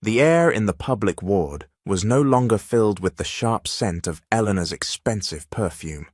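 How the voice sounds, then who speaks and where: A man reading a dramatic story as narrator in a steady, measured way. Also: on the low side, dry recording, clean studio sound.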